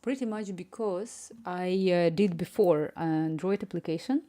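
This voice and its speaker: Warm and lowish, this woman's voice moves at a measured pace, with a Ukrainian accent touched by Spanish. She livestreams app development from a home room, chatting, getting easily sidetracked, reading the chat out loud, and murmuring as she codes.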